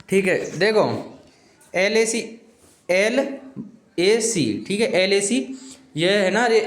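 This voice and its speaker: High-voiced man teaching an exam lesson. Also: echoey room. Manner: repetitive, keeps saying "okay friends"; pleading with viewers, informal.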